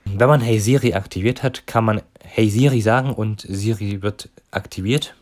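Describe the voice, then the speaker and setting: A man giving a relaxed, conversational walkthrough of phone settings for his viewers. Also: fairly low pitch, normal speed. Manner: relaxed, conversational explaining with fillers. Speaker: tutorial presenter. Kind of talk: casual explanatory walkthrough.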